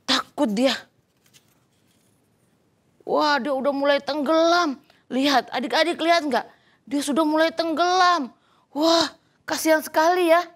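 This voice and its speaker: A woman telling a Bible story to children in an animated teaching voice. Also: high voice, measured pace, long pauses. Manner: animated storytelling, acting out quoted lines. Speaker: Sunday school teacher.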